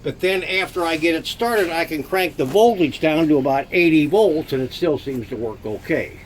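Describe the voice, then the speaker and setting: Older man, Arkansas accent, higher-pitched voice, folksy casual explanation, halting restarts, rumbling noise in background. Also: animated. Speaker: tinkerer demonstrating his modified heater. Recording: noisy vehicle-like rumble behind voice.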